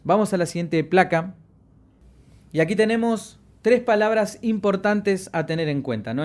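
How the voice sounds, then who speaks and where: This man teaches voice and media and here delivers a lecture on projection. His delivery is expressive, with intentional swings in pitch and loudness and long, drawn-out emphasis on key words.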